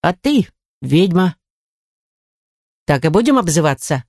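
Woman doing a gruff, shaggy house-spirit. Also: big pitch swings, darkish tone, no echo, clean studio sound, heavily acted. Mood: mocking. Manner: gruff, rumbling, drawn-out mockery. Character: shaggy little male house spirit, grumpy and mocking.

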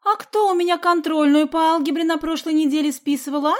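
A woman voicing a feisty, quick-tempered schoolgirl who argues in indignant, squealing retorts. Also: high-pitched, big pitch swings, darkish tone, voice pushed up.

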